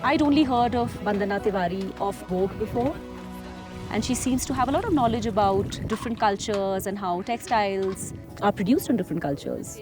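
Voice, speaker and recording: A woman from Bangalore speaks quickly and brightly as a rider-researcher. Her pitch sits in the middle. Clear music plays behind her. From Bangalore, India.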